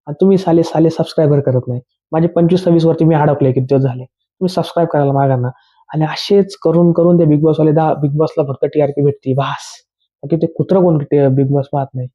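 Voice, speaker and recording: A man's voice: on the high side, dull audio. A man giving a blunt, slangy, exasperated casual rant reviewing a reality show episode.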